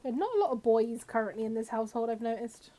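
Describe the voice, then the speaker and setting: Talking fast in a dark-toned, slightly high voice, a woman who has a cold sounds a little scratchy. She's casually chatting while live-streaming a game, speaking to her viewers and the game's characters.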